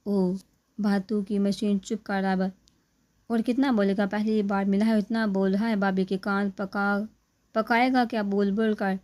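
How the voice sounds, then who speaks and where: A woman's voice: medium pitch, steady tone, measured pace, darkish tone, close to an everyday voice. A woman voicing a blunt young man who scolds his chatty friend. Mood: scolding.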